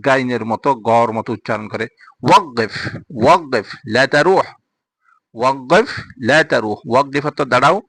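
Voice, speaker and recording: A man with a Bangladeshi accent teaching spoken Arabic phrases, repeating each word and its meaning in a slow drill. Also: mid-range voice, sharp tone, no echo. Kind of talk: spoken language lesson.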